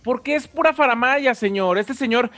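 Mexican man co-hosting, high voice. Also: moderate pace, a bit bright, no echo. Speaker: co-host. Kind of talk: casual comic chat.

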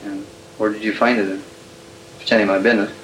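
Middle-aged male detective, lowish voice, hesitant and filler-heavy, heard on old archival interrogation tape with faint hiss. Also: little pitch movement, fairly bright tone, poor audio. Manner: halting, hesitant, with many fillers. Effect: old archival tape recording. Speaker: police detective interrogating a suspect. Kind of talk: police interrogation.

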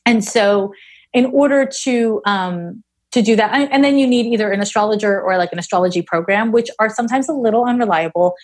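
A woman's voice: medium pitch, brisk, darkish tone. A woman in her forties, an astrologer being interviewed, speaking frankly and bluntly with casual swearing. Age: 40s. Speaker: astrologer guest.

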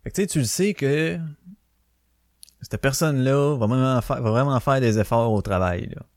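Speaking at a moderate pace in a medium-pitched, slightly mellow voice, a man with a Québécois French accent hosts a casual solo podcast. He's a swearing, ranting storyteller who acts out quotes, and the recording is clean studio sound without any room sound.

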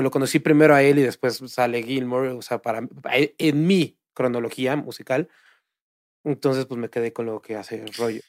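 Man, Mexican accent, casual chat, animated, profane, average pitch, dry sound. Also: no room sound. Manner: animated, swears freely. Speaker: podcast co-host.

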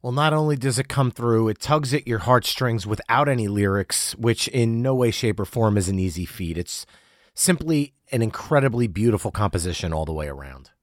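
A man's voice: fairly low pitch, expressive, moderate pace, no room sound, clean studio sound. A man hosting an interview podcast, asking polished, earnest questions. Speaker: podcast host.

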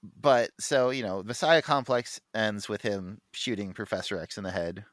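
A podcast co-host gets excited in a casual comic book conversation, peppering it with fillers and restarts. His lowish voice is a bit bright, at normal speed, and the recording is dry and cleanly studio-made.

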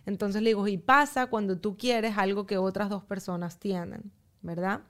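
A woman guest on a podcast, speaking calmly and in a measured way as she explains her parenting approach step by step. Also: medium pitch. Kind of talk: casual chat.

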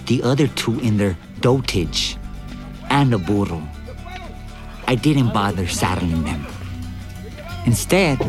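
A man narrating a dramatized audiobook in the first person, with vivid, expressive storytelling. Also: on the low side. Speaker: narrator and lead actor.

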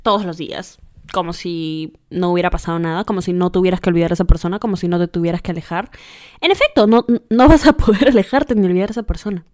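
A woman's voice: on the low side, quick pace, a little mellow. A young woman hosting a podcast, giving casual advice in a playful, teasing way, calling the listener pet names and slipping into whispers. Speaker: podcast host.

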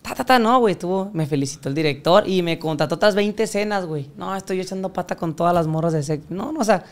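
A man's voice: high voice, quick pace. A young Mexican man with a Mexican accent, telling a crude, slang-filled story in casual chat. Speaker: podcast guest telling his story.

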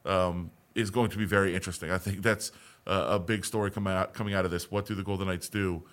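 A man's voice: low voice, steady tone, fast, a bit bright. A man co-hosting a sports podcast, talking in a casual, conversational way with frequent restarts. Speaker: podcast co-host.

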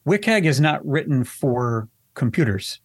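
A man's voice: mid-range voice, expressive, slow, husky, no echo. A man answering interview questions about web accessibility in a candid, wry way, often restarting his sentences. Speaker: accessibility expert guest.

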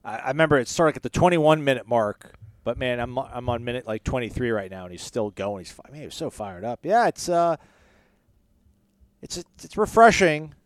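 A man's voice: medium pitch, animated, normal speed, no echo, clean studio sound. A man co-hosting a casual sports podcast, conversational and loose. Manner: conversational, loose, many fillers.

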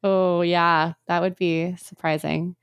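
A woman's voice: on the low side, level tone, slow, smooth, dry recording. A woman co-hosting a casual language lesson, asking questions and summing up points. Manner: asks and sums up, frequent backchannel. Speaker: co-host learner.

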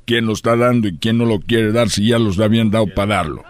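Deep-voiced man telling a joke. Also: fairly even intonation, fast talker. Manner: joking, rhythmic, teasing. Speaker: radio show host. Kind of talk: comedic monologue with parody voices.

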